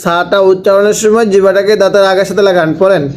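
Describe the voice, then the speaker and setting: A man with a Bangladeshi Bengali accent teaching Quran reading, spelling out each syllable and reciting slowly between quick explanations. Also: high voice, flat delivery.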